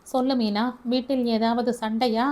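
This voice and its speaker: Caring young man, gentle and coaxing, read by a woman narrator in an audio story, voice on the high side. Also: flat delivery, unhurried, lightly acted. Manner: soft, coaxing.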